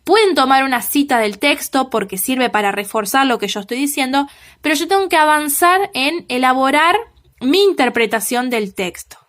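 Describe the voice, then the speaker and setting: Female teacher, high pitched, patient recorded feedback to students, emphatic on examples, frequent check-ins. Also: expressive, fairly bright tone. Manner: checks in with "¿sí?" after nearly every point, many "eh" fillers; slow, emphatic on key examples. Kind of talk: recorded lesson giving feedback on assignments.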